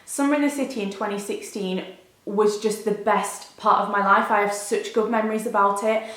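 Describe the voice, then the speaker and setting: A woman's voice: medium pitch, steady tone, moderate pace, fairly bright tone. A woman, giving a candid, chatty update to viewers in a confiding, informal way. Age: 20s. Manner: confiding, informal, frequent 'like'. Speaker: video blogger. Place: bedroom, indoors. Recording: roomy indoor echo.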